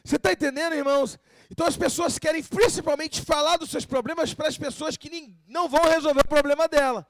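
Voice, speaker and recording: A man preaches in a high voice, the sound dry and close. He fires rhetorical questions at the congregation and slips into the voices of the people and prayers he quotes. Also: steady tone, quick pace, no room sound. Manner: acts out quoted speakers and prayers. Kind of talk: sermon.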